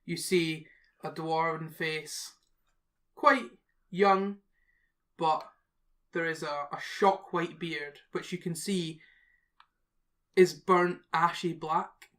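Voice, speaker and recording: A woman's voice: on the low side, a bit bright. Woman narrating as game master.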